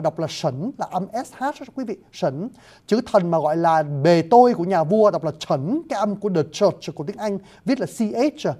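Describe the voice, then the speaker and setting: A man's voice: high-pitched, mellow. A man giving a spoken lecture on classical poetry, explaining it word by word and often addressing his listeners politely, with hesitant fillers.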